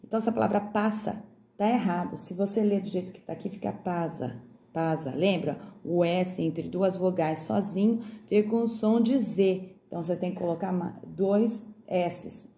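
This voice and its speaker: A woman teaching young children remotely, with a Brazilian Portuguese accent, slowly sounding out each word. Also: medium pitch, warm tone, echoey room. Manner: slow, over-articulated sounding out of words for children. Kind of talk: remote classroom lesson.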